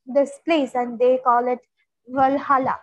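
A woman co-hosting a casual book discussion, retelling chapters in an animated, stuttering way with frequent laughs. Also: high voice, a little slow, no room sound, dull audio. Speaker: book club co-host.

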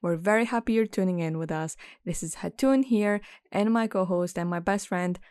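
A young woman co-hosting a podcast, chatting casually and telling stories, now and then mimicking others in a high nasal voice. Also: normal speed, a little mellow, no echo, studio quality. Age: young adult. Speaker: podcast co-host. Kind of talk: casual chat.

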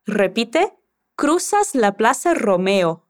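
Woman, language teacher, scripted lesson, patient, encouraging, slow and lively. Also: a little high. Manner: patient, encouraging, prompts the listener to repeat.

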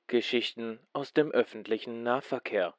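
A man putting on a formal male station announcer, heard like a distant loudspeaker announcement. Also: medium pitch, normal speed, no echo. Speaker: podcast co-host.

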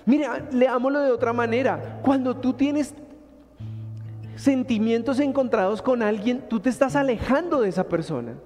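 A man in his thirties with a Colombian Spanish accent, preaching a sermon in a lively, colloquial storytelling manner. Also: extremely high pitch, moderate pace. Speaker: pastor. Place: church hall. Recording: hall reverb with soft instrumental music.

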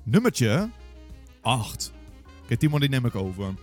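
A man's voice: mid-range voice, big pitch swings, a little slow, faint music behind. A man co-hosting a casual podcast chat, teasing his co-host and ranting with frequent swearing.

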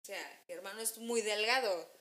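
A young woman with a Mexican accent chatting casually, telling stories and acting out quotes with sudden jumps in pitch. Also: moderate pace, reverberant. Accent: Mexican Spanish. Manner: animated storytelling, acts out quotes with jumps in pitch. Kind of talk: casual chat.

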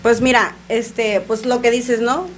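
A woman with a Mexican accent chatting casually as a co-host, slangy and quick to laugh. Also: a little high, steady tone, a little hiss or hum. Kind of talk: casual chat.

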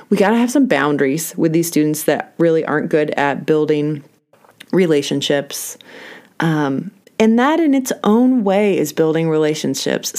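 A woman's voice: low-pitched, darkish tone. A middle-aged woman and teacher hosting a solo podcast, telling stories in a candid, self-deprecating way and acting out the dialogue she quotes. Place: indoors, talking alone into a mic.

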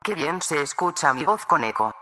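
A man speaking in a put-on low voice with an echo effect added, delivering a deadpan comedy sketch line. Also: normal speed. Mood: mock surprise. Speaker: comedy podcast co-host. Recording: echoing voice set back from the mic.

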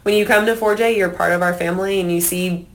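A woman's voice: fairly low pitch, fairly even intonation, fast, slight background noise. A woman who owns a brewery, chatting as a podcast guest in a friendly way, laughing often and using hesitant fillers. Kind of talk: casual podcast chat.

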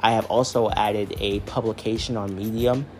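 A man's voice: lowish voice, fairly even intonation, normal speed, a little mellow. A man hosting a story podcast, moving between scripted narration and casual talk as the author.

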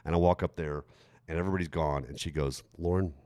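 A middle-aged man hosting a podcast, telling a self-deprecating story in an animated way. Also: extremely low pitch, fast, dry recording, clean studio sound. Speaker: podcast host. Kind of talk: storytelling chat.

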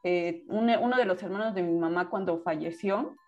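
A woman host, chatting casually and thoughtfully, pausing to find her words. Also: lowish voice, darkish tone, highs cut off, faint music behind. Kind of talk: casual chat.

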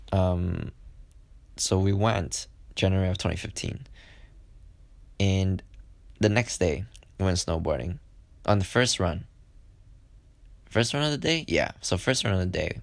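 A man's voice: low voice, vocal fry, no room sound. A young man casually telling a personal story on a podcast, rambling with lots of fillers and acting out what people said. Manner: rambling, with many fillers and acted-out quotes.

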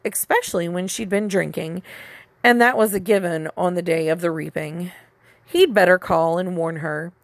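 A woman reads a novel aloud in a steady, measured storytelling voice. Her tone carries a gravelly, creaky texture at a mid pitch. The sound is close and dry, with no room around it. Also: no room sound. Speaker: audiobook narrator. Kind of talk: scripted audiobook narration.

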